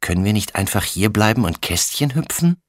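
A man voicing a calm, sensible girl and older sister in a children's audiobook, gently matter-of-fact. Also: lowish voice, brisk, no echo, clean studio sound. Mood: plain.

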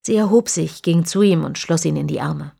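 Husky, gravelly woman narrator. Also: low-pitched, moderate pace, dark tone. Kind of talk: audiobook narration.

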